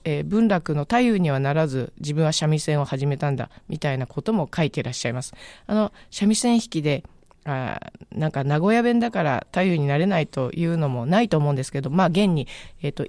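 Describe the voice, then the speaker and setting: A woman's voice: low voice, warm tone, no echo, studio quality. A woman radio host casually recommending a book on air, chatty and musing, often searching aloud for the right word.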